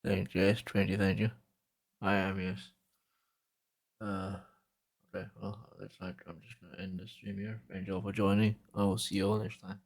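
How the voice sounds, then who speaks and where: A male livestreamer talking casually to his chat through a gaming headset mic, laid-back with filler pauses. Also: sits low, level tone, gravelly.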